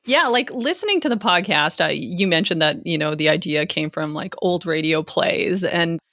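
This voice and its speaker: A woman's voice: on the low side, animated, moderate pace, fairly bright tone, no room sound. A woman podcast host from Southern Alberta, enthusiastic and laughing often as she interviews a guest. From Southern Alberta, Canada. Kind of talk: casual interview chat.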